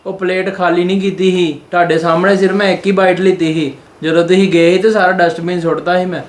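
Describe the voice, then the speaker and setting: A man with a high voice plays a cheeky brother-in-law in a home drama skit. He teases and mocks. The room echoes. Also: level tone, quick pace. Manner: teasing, mocking. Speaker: actor playing a teasing brother-in-law. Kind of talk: family drama skit acting.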